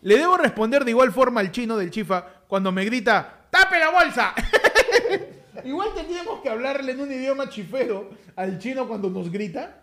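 A man's voice: very high voice, animated, fairly quick, hardly any pauses, a bit bright. A man co-hosting a comedy talk show, teasing and laughing often as he reads listener messages. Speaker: podcast co-host. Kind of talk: casual comedy banter.

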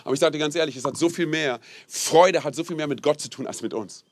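Young male pastor, casual animated sermon, slightly high voice, dry close sound. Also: quick pace, dry recording. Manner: casual, animated, peppered with "hey" and "so, ne?"; has the audience repeat phrases aloud. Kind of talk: lively sermon.

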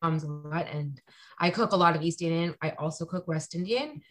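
A woman in her thirties from Toronto, chatting casually as a podcast guest with lots of ums and quick asides. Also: sits low, over music. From Canada (Toronto). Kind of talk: casual conversation.

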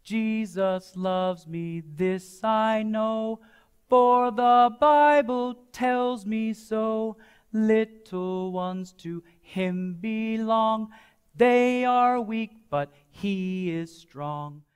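A man's voice: sits high, extremely slow, clean tone, soft background music. A man who sings a children's hymn to show rhythm changes during a church lesson. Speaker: preacher teaching on music. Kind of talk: sung examples in a church talk.

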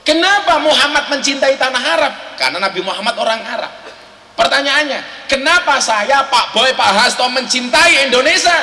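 An Islamic preacher with a Javanese accent delivers a humorous sermon packed with rhetorical questions and teasing asides. His voice is very high-pitched, animated and sharp, at a normal speed. It was recorded in a large, echoey hall with faint ambience.

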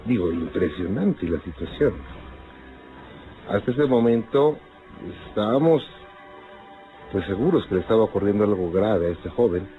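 Calm man hosting a radio call-in show. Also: low voice. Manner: calm, measured questioning. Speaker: radio host. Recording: phone-like archive radio with music.

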